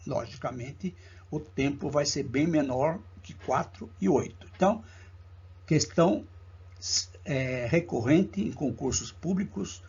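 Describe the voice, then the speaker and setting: Speaking with a Brazilian Portuguese accent, a man with a mellow, husky voice on the high side teaches math for a public exam. The audio has its highs cut off. His walkthrough is slow and careful, each part of the problem counted aloud.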